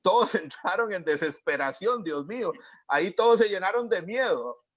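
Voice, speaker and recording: Preacher guy giving a sermon, voice a bit high, lo-fi dry sound, drags out the big words. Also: expressive, fairly bright tone. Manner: earnest, slows down to stress key words; acts out the quoted lines of the scripture. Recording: dry, dull lo-fi audio.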